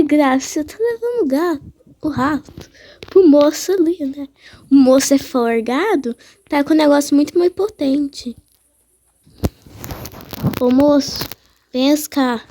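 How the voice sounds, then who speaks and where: A gaming channel host with a warm, high-sitting voice gives casual commentary on her gameplay. She's chatty and playful, talking back to the characters on screen.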